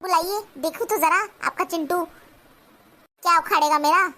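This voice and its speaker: A woman voicing a sharp-tongued young daughter-in-law who talks back in a cartoon. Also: very high voice, a little slow, heavily acted. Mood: defiant. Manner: retorting, argumentative. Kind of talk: cartoon voice acting.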